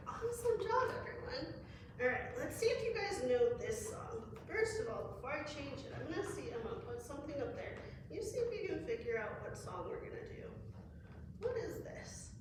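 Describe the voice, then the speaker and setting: A woman's voice: high-pitched, big pitch swings, moderate pace. A woman leading a story time as a children's librarian, talking to toddlers with encouragement and simple questions. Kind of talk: interactive nursery rhyme and song session for toddlers. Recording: very echoey room, distant mic, noisy.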